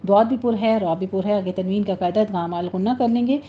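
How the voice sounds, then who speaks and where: A woman teaching a recitation lesson, patiently explaining rules step by step and slowly modelling the words. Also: medium pitch. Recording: slightly muffled recording with faint noise.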